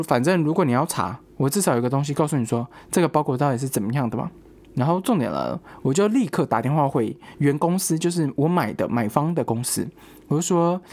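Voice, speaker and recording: Casting: young vlogger, quick talker, animated ranting storyteller who mixes in English words. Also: mid-range voice. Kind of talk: casual storytelling rant.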